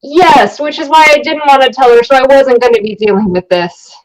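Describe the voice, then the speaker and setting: A young woman with a slightly high voice plays a tabletop game. She improvises in character with casual, sardonic banter and wry asides. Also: a little fast, poor audio.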